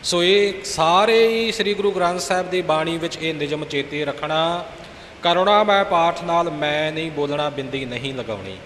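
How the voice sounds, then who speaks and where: A man's voice: fairly high pitch, moderate pace, fairly bright tone. A man teaching scripture, patiently explaining and correcting pronunciation. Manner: patient, instructive, corrects recitation point by point. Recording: echoey hall with faint hiss.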